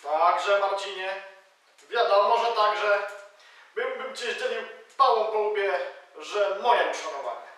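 A man's voice: high-pitched, takes it slowly, pushed and bright, full character voice. A man voicing a cowed male robber who wheedles and begs, in a stage reading of a play. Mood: boastful. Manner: whining, wheedling, begging. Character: cowed male robber, boastful but pleading. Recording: echoey hall from far off.

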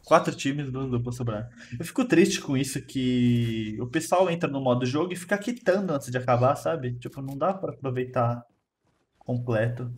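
A man with a Brazilian Portuguese accent and a mid-range, slightly mellow voice hosts a gaming video, casually commentating his matches and quickly exclaiming and laughing at his own plays.

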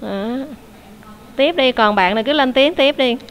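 A woman teacher leads an online English lesson. Her voice sits a little high, and she explains each answer patiently, checking with questions. A faint hum of the room sits under her speech. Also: a little slow.

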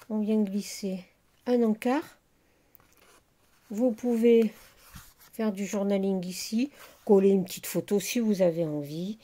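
A middle-aged woman hosting a casual crafting video, chatty and unhurried with many fillers as she shows her handmade work. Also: medium pitch, dark tone. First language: French. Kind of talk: casual crafting show-and-tell.

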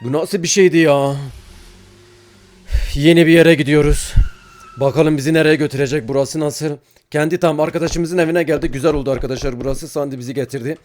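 Brief: male let's-player, a bit high-pitched, excitable and easily startled, chatting to viewers. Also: fairly quick. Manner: excitable, talks to viewers, jumpy reactions. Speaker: gaming YouTuber. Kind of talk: let's-play commentary.

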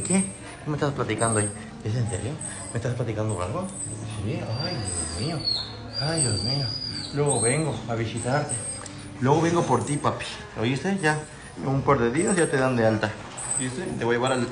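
A man, an animal rescuer, talks to his viewers and coos affectionately at dogs in a vlog. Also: medium pitch. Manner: affectionate baby talk to animals. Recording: noisy background with dogs. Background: dogs, clicks.

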